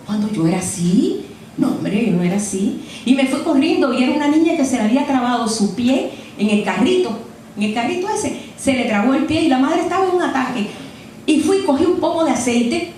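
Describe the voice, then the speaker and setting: An older woman preaches a sermon in a chatty storytelling style, frequently tossing "¿eh?" asides to her listeners. Her voice sits high and a little mellow, captured from a distance in an echoey room with slight hiss or hum.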